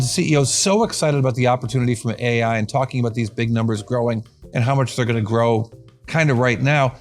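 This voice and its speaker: A man hosting an earnings commentary show, talking in a brisk, conversational way with wry asides. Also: medium pitch. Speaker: host and market strategist.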